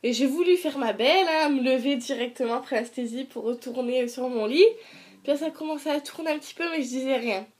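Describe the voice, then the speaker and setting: A woman's voice: high-pitched, fast talker. A young woman chatting casually to camera as a vlogger, retelling her story in colloquial language with sarcastic asides and acted-out dialogue.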